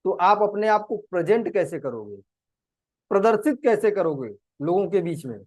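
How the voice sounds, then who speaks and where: A man with a fairly high voice teaches a live online class, walking through each step earnestly and repeating instructions. The sound is dry and close, with no room echo. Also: animated, moderate pace. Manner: earnest, repetitive, explains step by step. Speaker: digital marketing teacher. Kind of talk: live screen-share class.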